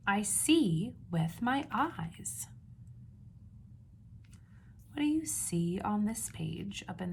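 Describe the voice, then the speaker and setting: A woman with a medium-pitched, slightly bright voice reads a picture book to young children the way a teacher would, stressing key words. She asks simple questions and pauses before confirming the answers, and there is slight background noise.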